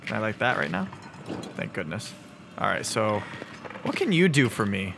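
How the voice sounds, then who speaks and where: A man playing a video game, narrating casually with self-mocking jokes, swearing and sudden excited shouting. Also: on the low side, normal speed, vocal fry, background noise. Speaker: gaming video host. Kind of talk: let's play commentary.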